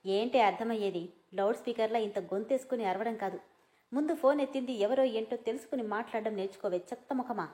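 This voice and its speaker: A woman voicing a hot-tempered, sharp-tongued young man who scolds angrily. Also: a little high, fast, lightly acted. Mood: furious. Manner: angry, scolding.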